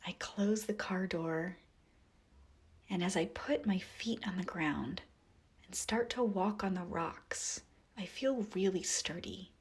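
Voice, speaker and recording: With a lowish, whispery voice, a woman leads a guided meditation visualization. The delivery is soft and breathy, gentle and calming, punctuated by long pauses.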